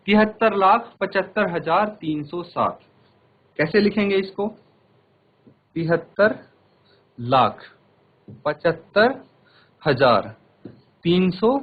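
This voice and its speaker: A man's voice: sits high, phone-quality sound. A man teaching a televised maths class in Hindi-accented speech, patiently addressing children and repeating each step.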